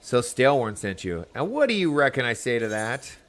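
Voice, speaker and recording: A man's voice: medium pitch, very animated, a little fast, a bit bright. A man voicing a cocky, lazy, scornful pirate deckhand, reading video game dialogue aloud in a taunting piratical manner. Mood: defiant.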